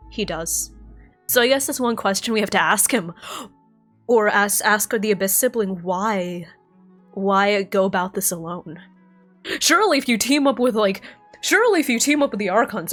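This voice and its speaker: A young woman streams herself reacting live to a game, thinking out loud in an excitable way, swearing and laughing. Her voice sits at a medium pitch.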